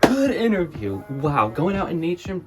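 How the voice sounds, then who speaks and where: A man playing an overexcited male interviewer in a comedic skit, gushing and shouting with over-the-top enthusiasm. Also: a little high, expressive, fairly quick, loud music behind the voice, pitched above the performer's own voice, close to an everyday voice. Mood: hyper excited.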